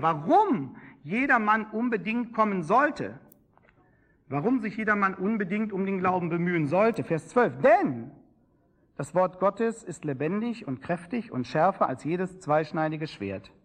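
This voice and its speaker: High-voiced German preacher. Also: male voice, a bit bright. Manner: emphatic, rising and falling preaching cadence. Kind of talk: sermon.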